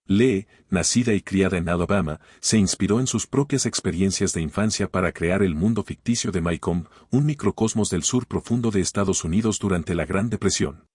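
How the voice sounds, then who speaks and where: Low husky-voiced male podcast host. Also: darkish tone, no echo, clean studio sound. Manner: measured, formal delivery with rhetorical questions. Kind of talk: scripted literary commentary.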